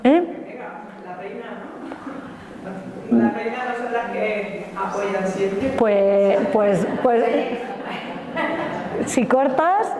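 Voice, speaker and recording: A woman's voice: medium pitch, steady tone, slow, pauses often, over a noisy crowd. A woman lecturer, chatting enthusiastically and colloquially while taking questions after her talk. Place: lecture hall. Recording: long reverb of a lecture hall.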